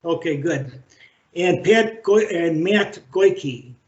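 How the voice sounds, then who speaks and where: A man chairing a library board meeting over a video call, speaking in a halting, measured way with frequent fillers. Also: on the high side, animated. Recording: roomy, dull video-call audio.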